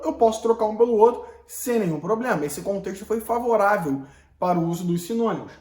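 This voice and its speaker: A Brazilian man with a high voice gives a relaxed, chatty Portuguese lesson. He explains with rhetorical questions and casual slang. The room echoes around him. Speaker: Portuguese teacher. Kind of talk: online lesson lecture.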